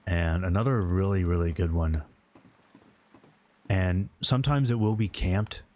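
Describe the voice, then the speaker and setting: A man's voice: low voice, measured pace, a little mellow, a little hiss or hum. A man talking informally and ramblingly as he hosts a game livestream and answers his viewers' chat. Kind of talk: casual gaming stream commentary, answering viewer chat.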